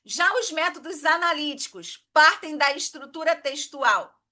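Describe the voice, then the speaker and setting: Bright, high-voiced woman teacher. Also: lively intonation, measured pace. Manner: explanatory, checks in with "tá?" and "né?". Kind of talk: exam-prep lesson.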